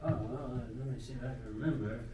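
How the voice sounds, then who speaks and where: A man's voice: mid-range voice, fast talker, a crowd in the background, lightly acted. A man playing a bumbling adult teacher of teenagers who rambles with many fillers, in live improv comedy. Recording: echoey stage from far, noisy.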